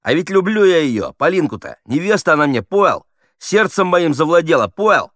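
A man's voice: deep voice, very animated, normal speed, no echo, clean studio sound. A man doing a coarse gabbling convict. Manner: gabbling, swallowing words. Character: coarse, slangy male prisoner actor.

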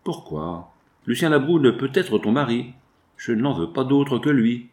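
A man's voice: mid-range voice, very animated, measured pace, darkish tone. A man reading aloud and voicing a frail young woman in love who pleads tearfully with her father. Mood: despairing. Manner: tearful, imploring.

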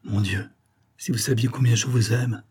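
Guy doing a lovesick young man, pleading, passionate, warm mellow voice, audiobook. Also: mid-range voice, steady tone, moderate pace, breathy edge. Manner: pleading and ardent. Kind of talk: audiobook reading.

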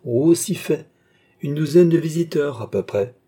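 A man's voice: medium pitch, expressive, normal speed, dark tone, breathy edge. A man doing a suave, teasing mysterious nobleman. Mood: teasing, urgent. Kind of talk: audiobook character reading.

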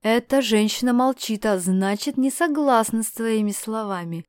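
A woman's voice: on the high side, normal speed, clean tone, no room sound, lightly acted. Woman voicing a sneering menacing villain. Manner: loud, sneering and leering. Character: brash menacing male stranger, mocking villain.

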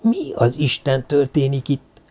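A man voicing a young male druid who speaks in hushed, urgent whispers in an audiobook. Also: fairly high pitch, close to an everyday voice. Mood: stunned. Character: young male druid, impatient then stunned.

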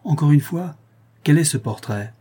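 A man's voice: a little high, lively intonation, moderate pace, warm tone, breathy edge, voice pushed up. A man voicing a sinister, brooding monk who fires off urgent, demanding questions. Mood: menacing. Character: sinister brooding male monk, agitated and commanding.

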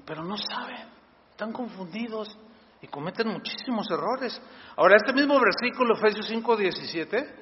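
A man, a pastor, preaching a sermon in an animated way and acting out quoted voices. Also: normal speed. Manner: animated, acts out quoted voices in a higher pitch. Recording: dull sound with long hall reverb.

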